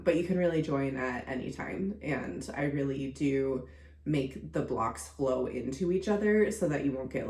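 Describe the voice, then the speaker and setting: In an echoey room, a young woman who coaches contortion talks through a casual solo episode of her own podcast. Her pitch is extremely low and a little mellow, she fills her speech with lots of fillers, and she sounds congested from being recently ill.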